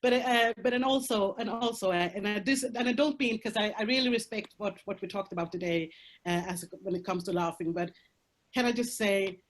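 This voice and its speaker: A Swedish woman speaks English with her native accent as a panel guest on a video call, her mid-range voice moving fairly quickly. She's frank and emphatic, swearing freely and laughing her way through difficult subjects in candid conversation.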